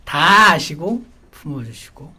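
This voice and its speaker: High-voiced man preaching a lively sermon. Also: slow pace, slight background noise. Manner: conversational, acts out quoted voices with humor. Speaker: pastor. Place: church service.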